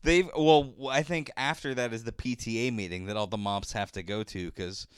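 Smooth-voiced wisecracking man. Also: medium pitch, moderate pace, no echo, clean studio sound. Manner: profane, wisecracking. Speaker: comedy podcast co-host. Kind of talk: casual banter.

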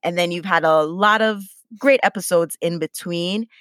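A woman co-hosting a podcast, talking in a relaxed, smiling, conversational way. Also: lowish voice, normal speed, no echo, studio quality. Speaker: podcast co-host. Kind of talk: casual podcast chat.

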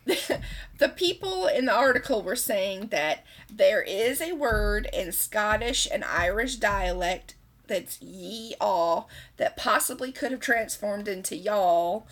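A woman's voice: mid-range voice, animated, takes it slowly. A woman hosting a podcast, talking casually as she explains things. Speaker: podcast host.

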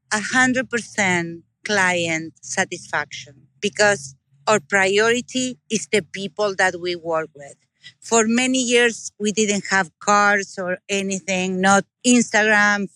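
Guesting in a casual interview, a business owner speaks with an Argentine Spanish accent in a mid-range voice. She's warm, earnest and enthusiastic, and the recording is dry.

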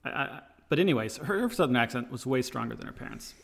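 A man hosts a relaxed podcast conversation in a voice with a noticeable gravelly rasp. He is animated, laughs readily and keeps tossing questions to his co-hosts. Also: mid-range voice, quick pace. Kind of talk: casual chat.

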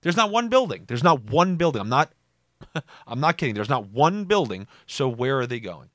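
A man's voice: sing-song, normal speed, no room sound, clean studio sound. Wry man telling stories on a podcast. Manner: wry storytelling with sarcastic asides and sudden jumps in pitch. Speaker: podcast host. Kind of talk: casual solo podcast monologue.

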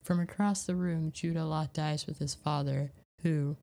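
Low, mellow woman narrating a story. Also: fairly even intonation, normal speed.

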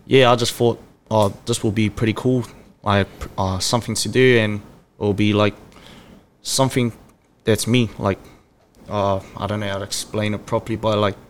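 A man's voice: fairly low pitch, clear, resonant tone. A man in his twenties from Samoa, a podcast guest chatting in a laid-back, easygoing way. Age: 20s. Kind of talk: casual chat.

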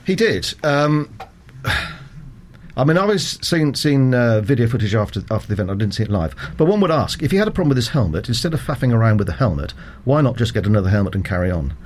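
A man working as a cricket umpire, explaining rules in a measured, formal way as an interview guest. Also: mid-range voice, very animated, a little hiss or hum. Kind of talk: conversational interview.

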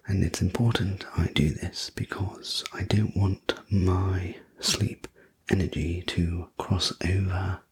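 A man speaks in a whispered role-play as a sleep story narrator. His voice is low and very breathy, with hardly any tone in it. He takes his time over each phrase, gently reassuring and soothing the listener as an attentive host. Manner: slow, gentle, reassuring delivery. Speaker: host playing a sleep room preparation attendant.

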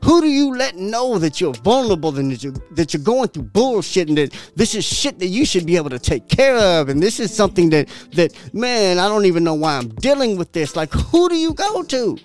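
Man, podcast host, high-pitched voice, lively swings, blunt swearing, soft music behind. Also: a little fast, hardly any pauses. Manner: profane, emphatic, repetitive preaching; animated, laughs often. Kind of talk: motivational podcast monologue.

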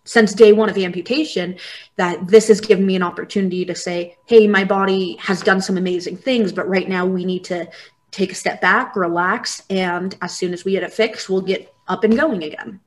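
A woman's voice: lowish voice, fairly even intonation, brisk. A young woman speaking as a guest in a casual interview, open and earnest as she talks. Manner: open, earnest, laughs easily.

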